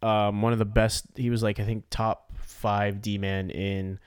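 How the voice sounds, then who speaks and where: A man on a desk mic co-hosting a casual sports podcast, relaxed and offhand. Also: lowish voice, measured pace, clean tone, no room sound, studio quality. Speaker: podcast co-host.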